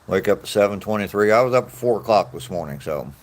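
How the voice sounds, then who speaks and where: This lowish-voiced man talks fast and animatedly while on a walk outdoors. He's an American vlogger in his sixties answering live chat, reminiscing easily in a casual, rambling way with lots of chuckles.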